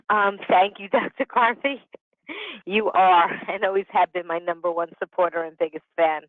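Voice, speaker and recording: A business consultant in her sixties gives a prepared presentation over a telephone conference line, explaining things with some conversational asides. Her mid-range voice holds a steady tone, unhurried and pausing often. The sound is dry and phone-quality.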